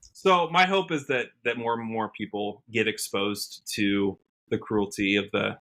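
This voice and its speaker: This podcast guest, a country singer from Washington state, has a bright, forward American voice at fairly low pitch. Chatting casually, he is earnest and halting, often stopping mid-thought to reword his point.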